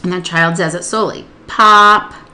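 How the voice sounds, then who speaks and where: A woman literacy instructor explaining a spelling procedure step by step, patiently modeling words and sounds slowly. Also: on the low side, animated, a bit bright, a little hiss or hum.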